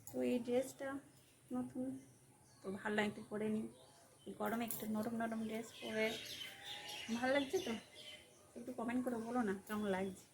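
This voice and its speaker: A woman's voice: on the high side, steady tone, moderate pace, pauses often, background noise. A young woman vlogging in a casual, coaxing way, often asking her viewers tag questions.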